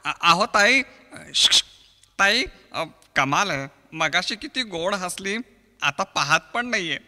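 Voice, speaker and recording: A man with a Marathi accent, performing a mimicry comedy sketch and switching quickly between impressions of film actors. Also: high-pitched, animated, pushed and bright, long reverb tail. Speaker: mimicry artist.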